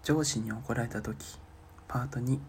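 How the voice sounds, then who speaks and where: A young man in his twenties doing a comic solo podcast, deadpan and self-mocking, murmuring his inner thoughts. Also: medium pitch, normal speed, vocal fry, heavy background noise. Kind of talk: comic monologue.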